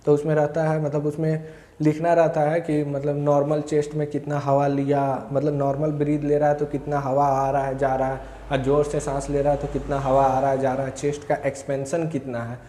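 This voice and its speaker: Fairly high-pitched yet dark in tone, a young Indian man talks briskly and in a monotone while telling a casual first-person story for his vlog. He rambles, fixes his own phrasing, and quotes others briefly, all in an echoey room.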